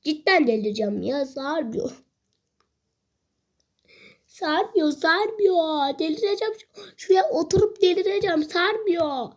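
Playing a game, a woman with an extremely high voice chats casually, grumbling impatiently and repeating things. Her pace is measured and she pauses often, though she shouts excitedly when a fight starts.

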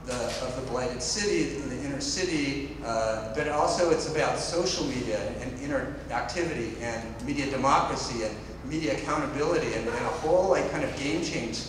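A man's voice: medium pitch, normal speed, hardly any pauses. A man moderating a panel discussion on stage, explaining in long, winding sentences. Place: stage of a large indoor hall with audience. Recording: echoey hall, distant and noisy.

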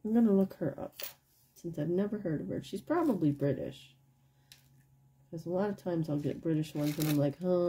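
Quiet, croaky, tired late-night woman. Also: fairly low pitch. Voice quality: croaky, husky voice with vocal fry. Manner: quiet, tired late-night delivery, holding the voice down while others sleep; murmuring to herself, repeating words. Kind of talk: casual chat, unscripted show-and-tell. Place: indoors at home, over a wooden table.

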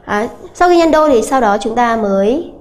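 A woman English teacher giving an exam-prep grammar lesson, explaining slowly and repeating key points with many hesitant fillers. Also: on the high side, expressive, a little mellow, a little hiss or hum. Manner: slow, repetitive explaining with many filler "à" sounds.

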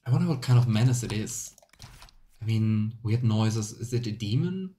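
This let's play features a man in his thirties with a lowish, mellow voice and lively intonation, speaking at a normal pace. He mulls things over in short comments and reads in-game text aloud. The small home room setup carries clear background noise and game ambience.

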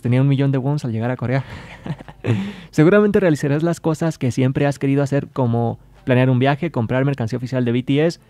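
A man narrates entertainment news in a brisk, scripted delivery, now and then slipping in quick personal remarks. His voice sounds mellow and dry, close to the mic. Faint music runs underneath. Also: medium pitch, no echo. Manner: brisk read with brief personal asides. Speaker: news presenter.

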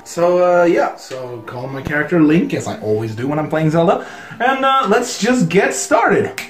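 A man's voice: on the high side, animated, normal speed, echoey room, poor audio. A man hosting a casual game reaction, talking hesitantly with lots of fillers, recorded on a phone camera in a room at home. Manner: hesitant, full of fillers, laughing. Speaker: host. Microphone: phone camera held by a friend.

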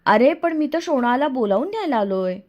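A woman's voice: high voice, very animated, brisk, muffled recording, pitched above the performer's own voice. A woman voicing a young boy hero who plays a mock king in a children's game, speaking formally. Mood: regal. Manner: reluctant, then mock-regal.

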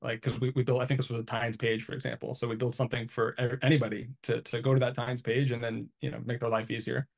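This interviewee, a thirtysomething IT engineer, speaks over a video call from a small indoor home office, casually explaining and thinking aloud. His medium-pitched voice stays level, with vocal fry, and he talks quickly with hardly any pauses.

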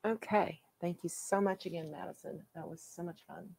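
Low, mellow woman host, unhurried, casual show-and-tell chat. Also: steady tone, gravelly, slightly rough. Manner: chatty, halting with fillers. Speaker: coloring channel host.

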